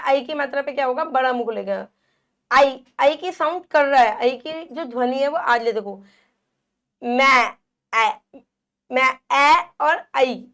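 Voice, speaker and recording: Woman teacher, high voice, slow deliberate delivery, drills vowel sounds for small children. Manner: asks questions and answers them herself. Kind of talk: children's Hindi phonics lesson.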